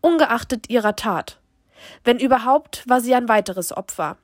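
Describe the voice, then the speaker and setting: A woman reading a crime novel aloud in a steady, measured narration. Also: a little high, no room sound, clean studio sound. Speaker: audiobook narrator.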